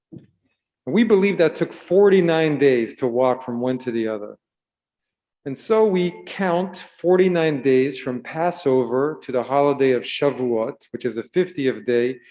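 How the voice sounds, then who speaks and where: A man who was born in Israel gives a gentle, storytelling sermon to children at a Shabbat service and asks them questions along the way. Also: medium pitch. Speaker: rabbi. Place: synagogue sanctuary.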